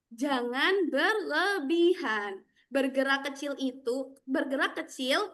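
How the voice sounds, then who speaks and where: Young female children's storytelling teacher, high voice, lively sing-song delivery, on a video call. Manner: bright, animated, sing-song talk to children. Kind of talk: online class for kids.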